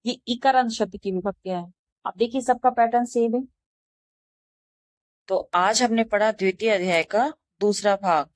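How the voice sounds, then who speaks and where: A woman teaching a language lesson, saying each word slowly and then translating it. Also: mid-range voice, no echo. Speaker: Sanskrit teacher. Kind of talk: slow classroom explanation.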